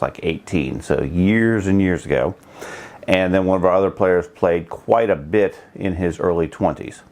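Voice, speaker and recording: A middle-aged man with a notably deep, low voice hosts a casual video blog update. He talks in an unhurried, rambling, low-key way. He restarts his phrases and corrects himself as he goes. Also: darkish tone. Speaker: channel host.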